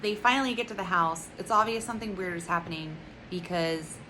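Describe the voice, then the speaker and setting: A woman's voice: lowish voice, fairly quick, bright, forceful tone, slight background noise, rough recording. A young woman reviewing a movie in a casual vlog, ranting, profane and sarcastic.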